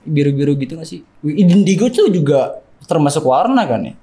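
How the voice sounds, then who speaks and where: A young male host asks questions in a relaxed way and keeps up short acknowledgements between them. His voice is slightly high and very lively in pitch. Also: normal speed. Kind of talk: casual interview chat.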